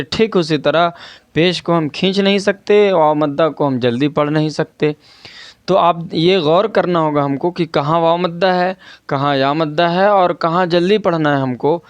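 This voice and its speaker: A man's voice: a little high, smooth, dry recording. A man teaching an online Quran reading lesson, patiently repeating and stretching out syllables and asking his students rhetorical questions.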